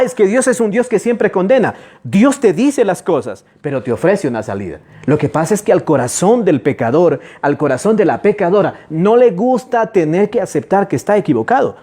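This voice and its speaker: A man preaching a sermon as pastor, urging listeners with rhetorical questions and slowing down to stretch key words. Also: a little high, darkish tone. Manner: stretches key words slowly, then rushes asides.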